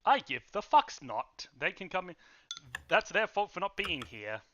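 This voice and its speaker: Male podcast co-host, higher voice, emphatic, lo-fi recording. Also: noisy background. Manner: animated, emphatic, quick bursts. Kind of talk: casual chat. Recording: dull lo-fi audio.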